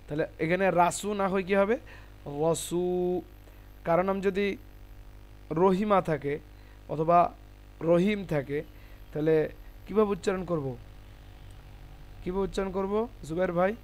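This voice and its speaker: Man teaching Quran recitation, slow and drawn out. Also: high voice. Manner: spells out letters and vowel marks, then recites each word slowly and loudly; asks questions to the class. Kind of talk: classroom lesson. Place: classroom with a board.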